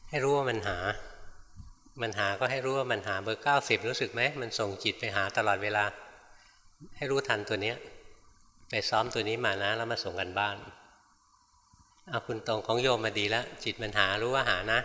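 Thai monk preaching fast n blunt, lowish voice, hall echo. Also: male voice, steady tone, sharp tone. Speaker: meditation teacher monk. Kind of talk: dharma talk with questions from the audience. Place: large meditation hall.

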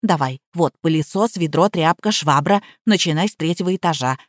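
A woman voicing a bossy housekeeper who hands out orders briskly. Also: low voice, no room sound, studio quality, voice pushed down, close to an everyday voice. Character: bossy middle-aged housekeeper.

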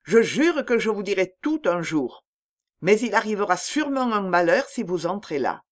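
A woman's voice: mid-range voice, sing-song, normal speed, lightly acted. A woman reading an audiobook, voicing a pale, frightened young wife who pleads urgently with her husband. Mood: pleading.

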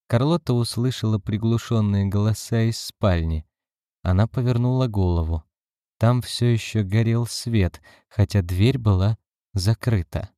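A man narrating an audiobook in a measured, calm reading. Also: on the low side, no room sound, studio quality.

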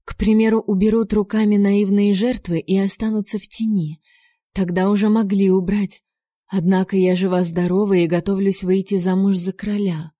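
A woman with a mid-range voice narrates a first-person audiobook in a measured, expressive storytelling style. The recording is dry, with clean studio sound.

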